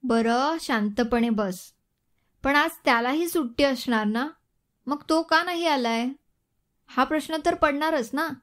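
A woman voicing a middle-aged father, calm yet pressing, in a family audio story. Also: sits high, a little slow. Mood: coaxing. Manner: calm but urgent.

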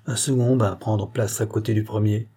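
Male audiobook narrator, steady measured reading, mellow raspy tone. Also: lowish voice. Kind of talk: scripted narration.

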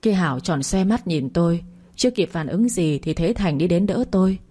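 A woman narrating a first-person story in a steady, calm reading voice. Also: lowish voice, fairly quick, breathy edge.

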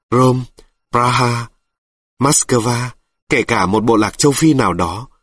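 A man reading reflective prose aloud in slow, measured scripted narration. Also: medium pitch, husky, no room sound, studio quality. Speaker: reader of an audiobook.

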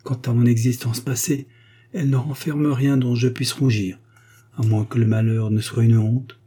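A tender, grateful young girl speaks softly and earnestly, as a man reads her lines in an audiobook. The voice has a dark, mellow timbre with a husky edge. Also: medium pitch, little pitch movement, normal speed, lightly acted.

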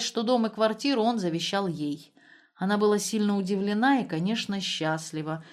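A woman narrating a story aloud in a calm, even manner. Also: mid-range voice.

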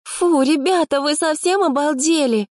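A woman voicing a petulant, sharp-tongued young woman camper, whiny and indignant. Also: high-pitched, normal speed, no room sound, clean studio sound, pitched above the performer's own voice, close to an everyday voice.

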